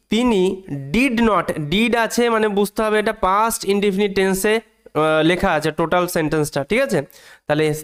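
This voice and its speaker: A man teaching an English reading lesson, breaking each sentence into small parts and repeating phrases, drawing out the English words slowly. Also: high voice, a bit bright, clean tone.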